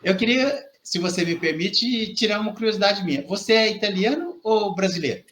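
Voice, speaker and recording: A man's voice: high-pitched, lively intonation, fairly quick, a bit bright, slight background noise. A man hosting an interview, asking questions in a friendly, somewhat hesitant way. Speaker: host.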